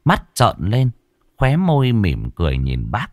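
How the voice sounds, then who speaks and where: A man's voice: lowish voice, huge pitch swings, unhurried, darkish tone, dry recording, clean studio sound. A man narrating a horror story in a dramatic, suspenseful way.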